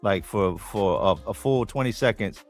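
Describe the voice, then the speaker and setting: Low-voiced man posing playful questions. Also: animated, moderate pace, soft background music. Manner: playful, asks what-if questions. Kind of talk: casual chat.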